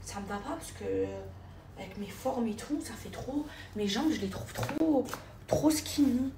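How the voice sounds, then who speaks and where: Woman in her 30s vlogging on her phone, chatty, keeps talking to her followers, highish voice, lots of background noise. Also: lively intonation, measured pace. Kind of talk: casual vlog addressing followers. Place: indoors then car and shops, mostly on the go.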